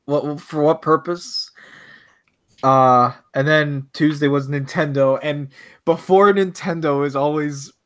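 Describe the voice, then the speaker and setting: Man, podcast co-host, casual chat, excitable, higher voice. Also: slow pace. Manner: excitable, stumbles and restarts when hyped.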